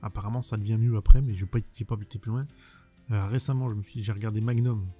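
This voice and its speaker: A man's voice: lowish voice, fairly even intonation, fast, dark tone, faint music behind. A man chatting bluntly in a casual vlog, rambling and restarting as he answers viewer questions. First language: French.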